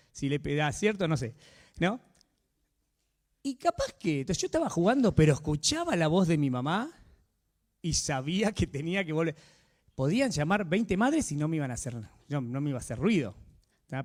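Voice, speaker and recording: A man with a Rioplatense accent preaching a sermon in a conversational way, often checking in with his listeners. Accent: Rioplatense Spanish. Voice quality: animated, swinging pitch. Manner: conversational, asks the audience frequent tag questions.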